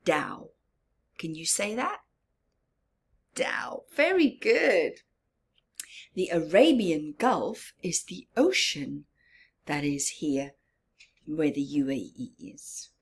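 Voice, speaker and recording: This story-time host has a low-sitting, slightly rough voice and a very animated delivery. She reads aloud to young listeners, pausing to explain simply and ask them questions.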